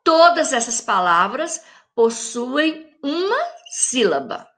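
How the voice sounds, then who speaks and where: Slow, bright-voiced woman teacher. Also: sits high, sing-song. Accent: Brazilian Portuguese. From Brazil. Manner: slow, drawn-out syllables when saying example words; addresses young pupils directly, friendly teacher tone. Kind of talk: recorded classroom lesson for children.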